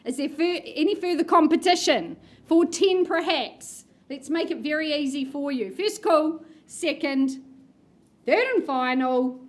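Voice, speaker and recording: High-pitched woman auctioneer calling numbers bingo-style. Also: measured pace. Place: room with bidders present.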